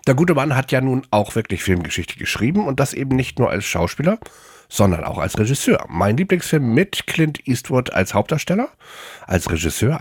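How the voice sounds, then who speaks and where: Casting: male radio presenter, fairly low register, close dry studio sound, chatty scripted read. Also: husky, no room sound. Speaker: radio host. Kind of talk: scripted, conversational film recommendation.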